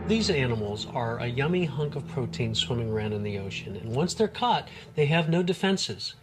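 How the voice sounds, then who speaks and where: A man's voice: mid-range voice, lively intonation, normal speed, loud music behind the voice. A man speaking as a scientist in a documentary, explaining in an enthusiastic, marveling way without a script. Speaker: marine biologist, interview subject.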